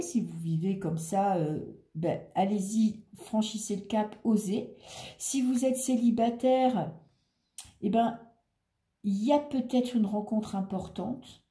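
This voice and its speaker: In an echoey room, a woman with a mellow, medium-pitched voice does a casual tarot reading. She turns the cards one by one, talking through her thoughts in a friendly, comforting way.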